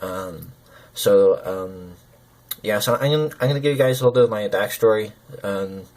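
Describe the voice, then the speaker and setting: Low-voiced man with numb-lipped, slurred speech. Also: a little mellow. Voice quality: slurred lip consonants from immobile lips, as if numb from the dentist. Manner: hesitant, halting, searching for words. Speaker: gaming video creator. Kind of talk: personal talk to camera.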